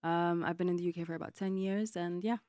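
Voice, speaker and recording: A woman's voice: on the low side, fairly even intonation, quick pace, warm tone, no echo, studio quality. A woman in her thirties from Kuwait, a guest on a podcast panel, who talks hesitantly with many ums and likes. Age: 30s. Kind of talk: casual panel discussion.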